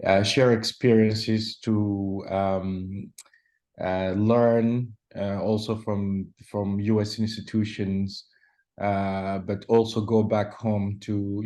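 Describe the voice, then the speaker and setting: Soft-spoken man, halting. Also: fairly low pitch. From South Sudan / Sudan. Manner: measured, with frequent hesitations and restarts. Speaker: journalist guest. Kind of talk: conversational interview answers.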